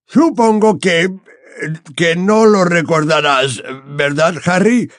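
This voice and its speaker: A pompous old wizard professor from a storybook who has had too much wine. The voice sits high and squeaky and stretches every word out slowly. It is slurred and hiccupy, and the recording is close and dry. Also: male voice, dry recording. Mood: flustered. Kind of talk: audiobook character voice.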